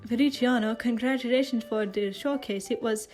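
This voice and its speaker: A woman's voice: on the high side, normal speed, a little mellow, faint music behind, natural voice. A woman reading a fanfic aloud, voicing a polite, formal young man who apologizes courteously.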